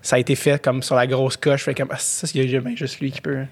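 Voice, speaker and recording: A man's voice: medium pitch, level tone, fast. A man with a Québécois French accent in casual podcast chat, rambling with many fillers and restarts.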